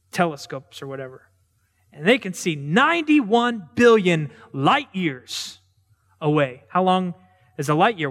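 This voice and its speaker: A male preacher delivers a conversational sermon in a high voice. His words echo through a large sanctuary with a long, lingering reverb. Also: fairly bright tone. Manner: conversational, storytelling, asks questions.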